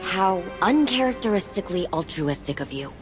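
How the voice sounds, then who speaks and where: An actress voicing a blunt, wry female engineer in a game cutscene, talking in a brisk, sarcastic way. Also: mid-range voice, very animated, lightly acted. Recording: game dialogue over loud music. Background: music.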